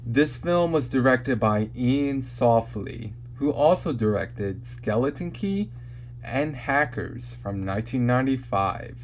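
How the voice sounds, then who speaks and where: A man hosts a casual podcast, reading the film intros and laughing easily with his co-hosts. His voice sits in a middle pitch. A faint hum runs behind him. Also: animated, takes it slowly. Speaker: podcast host.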